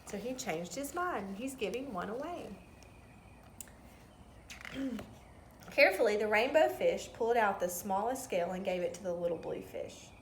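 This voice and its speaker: Reading a children's story expressively, this woman stops now and then to explain words to young listeners in a simple, teacherly way. She speaks at medium pitch and normal speed, leaving long pauses. The recording has a roomy echo along with some background noise.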